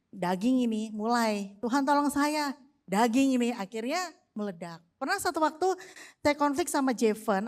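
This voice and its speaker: An Indonesian woman in her thirties, telling a family story as testimony in front of a church. Her voice sits fairly high, and she is animated, laughs easily and acts out the quoted lines. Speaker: church speaker sharing testimony. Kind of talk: casual testimony in a church service.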